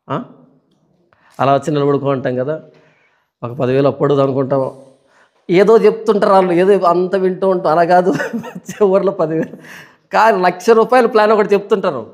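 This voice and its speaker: High-voiced pastor preaching with animated questions. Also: male voice. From India. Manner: animated storytelling with rhetorical questions. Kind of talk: Bible study sermon.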